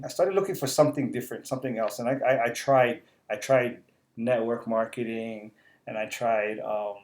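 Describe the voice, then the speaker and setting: A middle-aged man speaks at an average pitch in a relaxed live interview. He talks earnestly, stumbles over repeated words and keeps checking in with the listener by asking "right?". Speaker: interview host.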